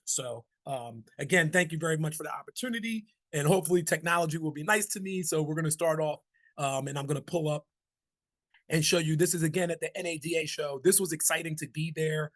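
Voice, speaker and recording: Presenter: raspy man, middle-aged, upbeat and folksy, higher-pitched. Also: fast, a bit bright. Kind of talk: webinar presentation.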